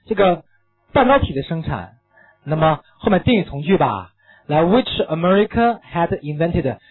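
Animated, high-voiced man lecturing, tinny recording. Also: slightly rough. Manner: animated, asks many rhetorical questions, mixes in English phrases. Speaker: English teacher. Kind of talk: lecture explaining an English reading passage.

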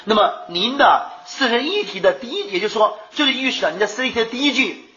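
A man teaching an English exam class in a lively lecture, firing rhetorical questions at the students and answering them himself. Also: extremely high pitch, fast talker. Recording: echoey lo-fi room recording.

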